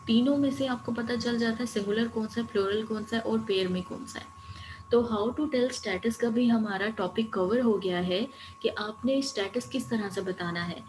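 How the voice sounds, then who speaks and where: A woman with a Pakistani accent teaching grammar in a recorded online lecture. She explains step by step and repeats word endings slowly. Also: a little high. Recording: faint noise and hum.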